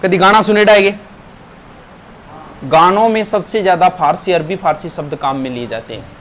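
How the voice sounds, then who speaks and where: A man's voice: high voice, normal speed, a bit bright. Man teaching a grammar class. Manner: asks the class questions, stresses words.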